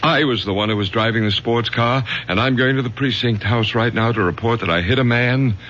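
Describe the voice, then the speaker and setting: A man's voice: mid-range voice, brisk, fairly bright tone, close to an everyday voice. An actor playing a protective middle-aged father, a college professor, with an American accent and a firm, urgent manner in radio drama style. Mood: firm, commanding. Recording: dull lo-fi old radio broadcast, faint hum.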